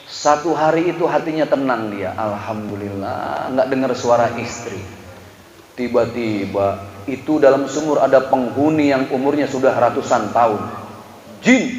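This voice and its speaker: A male Islamic preacher giving a humorous sermon, storytelling and acting out voices of husbands and wives. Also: medium pitch. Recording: echoey dull hall recording.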